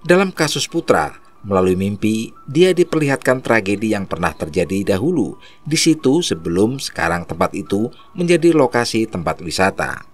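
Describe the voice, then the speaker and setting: A man narrating a horror story in a steady storytelling manner. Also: fairly low pitch, normal speed, soft background music.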